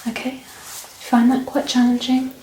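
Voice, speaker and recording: Playing a doctor in an ASMR medical exam roleplay, a woman speaks softly and breathily, often dropping to a whisper as she calmly reassures and gently instructs. Her pitch is fairly high and her pace a little slow. The distant mic picks up a roomy echo along with background noise.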